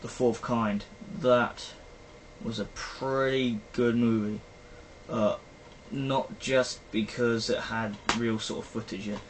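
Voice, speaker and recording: A man's voice: medium pitch, fairly even intonation, slow pace. A young British man chatting casually and rambling about films, full of fillers. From Britain. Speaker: vlogger. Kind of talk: casual film review chat. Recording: faint background noise, poor-quality recording.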